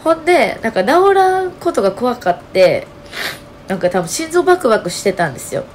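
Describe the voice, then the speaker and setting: A woman with a Kansai accent talking casually to her channel, her voice hoarse and nasal, telling her story with lots of fillers. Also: a little high, fairly quick, a little hiss or hum. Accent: Kansai Japanese. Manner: chatty, animated storytelling with many fillers. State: hoarse, strained voice. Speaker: channel host. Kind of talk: casual solo vlog talk.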